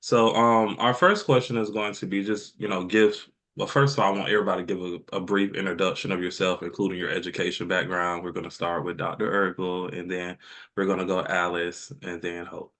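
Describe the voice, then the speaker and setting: A man's voice: deep voice, level tone, a little fast, fairly bright tone. A man co-hosting a panel discussion, earnest and formal in tone. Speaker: co-host.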